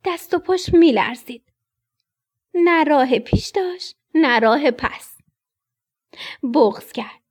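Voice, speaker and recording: A woman's voice: sits high, long pauses. A woman narrating a children's story expressively, dropping to a whisper at tense moments. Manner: expressive, dips into whispers for suspense.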